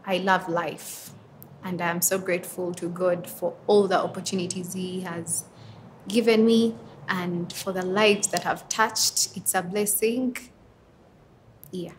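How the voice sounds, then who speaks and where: A young woman in her twenties from Uganda speaks earnestly in an interview. She answers reflectively, with pauses and small fillers as she gathers her thoughts. A faint hum of background noise sits behind her voice. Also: fairly low pitch. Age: 20s. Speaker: interviewee, advocate for women and girls.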